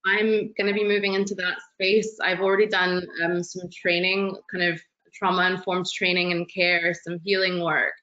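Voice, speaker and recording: Young woman guest, bright tense tone, enthusiastic, lo-fi webcam sound. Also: medium pitch. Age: 20s. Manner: enthusiastic, expansive, talks with her hands. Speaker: webinar guest. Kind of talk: online panel interview. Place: living room at home. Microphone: laptop webcam video call. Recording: dull lo-fi video call audio.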